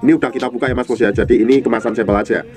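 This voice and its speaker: A man's voice: mid-range voice, fairly even intonation, racing, a little mellow, soft background music. A young man with a stuffy, nasal voice from a cold, chatting casually as he shows off a product and keeps addressing the viewer directly. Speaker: herbal product seller and host.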